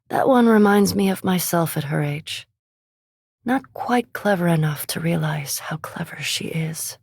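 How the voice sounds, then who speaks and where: Voicing a fantasy game's elf vampire, a haughty scholar, this actress delivers formal, precise lines laced with dry, disdainful sarcasm. She uses a deep, slightly rough female voice in a full character performance, with no room sound, and the mood is cool and cutting.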